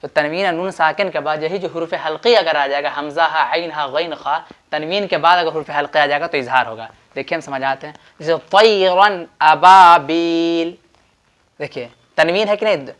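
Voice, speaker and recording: A man with an Urdu accent teaches Quran recitation rules in a bright, forceful voice. He explains patiently and repeats himself, stretching out sample words slowly and firing quiz questions at his students. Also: a little high. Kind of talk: tajweed lesson at a board.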